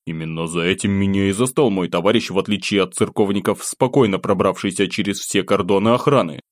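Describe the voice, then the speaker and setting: Low-voiced man narrating an audiobook. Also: brisk, no echo, clean studio sound. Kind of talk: first-person audiobook narration.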